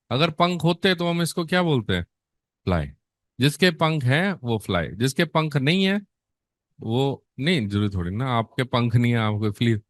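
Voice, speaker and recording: A man with an Indian accent gives an exam-prep lecture, switching between Hindi and English and firing rhetorical questions at his students. His voice sits a little high for a man, and he stretches key terms out slowly to stress them. The sound is dry and close, with no room around it. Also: dry recording. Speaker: nursing exam teacher.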